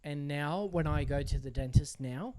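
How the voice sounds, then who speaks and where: Young aussie dude on a podcast, dark mellow voice, chill storytelling, says bro a lot. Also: male voice, fairly high pitch, moderate pace. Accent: Australian. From Australia. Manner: storytelling, laid-back, says "bro" and "man". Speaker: podcast co-host. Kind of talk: casual chat.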